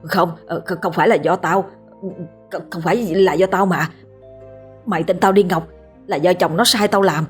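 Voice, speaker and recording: A woman acting out a foul-mouthed drunk of a man from a spoken ghost story, rough and boastful, who stammers and repeats himself when cornered. His voice sits a touch lower than her own, over faint music. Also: fairly even intonation, normal speed, natural voice. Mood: panicked. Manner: crude, stammering when scared. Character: drunken middle-aged man, crude, blustering, cowardly.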